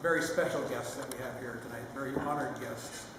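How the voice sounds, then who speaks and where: An older man giving a sentimental, lightly humorous father of the bride speech, halting with pauses mid-phrase. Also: medium pitch. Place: large reverberant room at a wedding reception. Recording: echoey hall, distant mic, noisy room.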